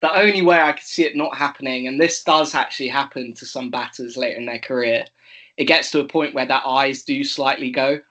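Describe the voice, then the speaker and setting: A man's voice: mid-range voice, a little fast, bright, forceful tone. Chatty young man talking cricket. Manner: chatty, laughs often, many fillers and restarts. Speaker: co-host. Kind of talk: casual chat.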